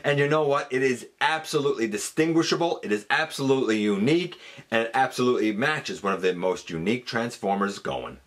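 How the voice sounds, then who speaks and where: A man with an expressive, slightly bright mid-range voice speaks a little fast. Hosting a countdown video, he delivers enthusiastic, wordy commentary with theatrical emphasis and slips into conversational asides.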